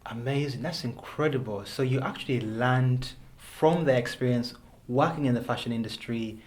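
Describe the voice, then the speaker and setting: A man hosting a talk show greets his guest with effusive enthusiasm and keeps chiming in with warm affirmations. His voice sits at an everyday middle pitch. He asks questions in an upbeat, encouraging way. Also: normal speed, a little hiss or hum. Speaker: podcast host. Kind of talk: interview conversation.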